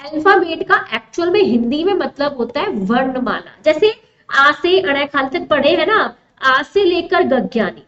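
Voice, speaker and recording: High-voiced woman teaching English grammar. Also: lively intonation, normal speed, fairly bright tone. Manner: explains step by step, asks students rhetorical questions; mixes Hindi with English terms. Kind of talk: online exam-prep lesson. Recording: roomy, dull lo-fi sound.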